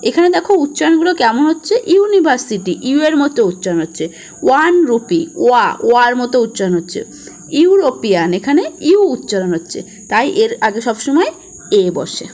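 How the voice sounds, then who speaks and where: A woman's voice: fairly high pitch, very animated, brisk, a little mellow. A young woman teaching a spoken grammar lesson, patiently explaining and spelling out examples.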